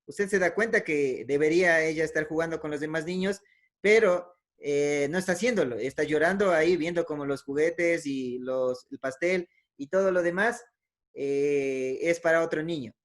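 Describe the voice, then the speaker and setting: A man with a voice on the high side, speaking at normal speed, gives a conversational teaching talk about emotions. He uses lots of "eh" fillers, corrects himself often, and ends many phrases with a questioning "¿no?".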